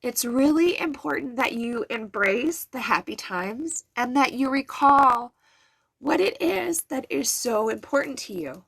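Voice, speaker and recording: Earnest woman card reader, somewhat high. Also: animated, unhurried, creaky, fairly bright tone, breathy edge. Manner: soothing, earnest, addresses viewers directly. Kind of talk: live-stream tarot reading.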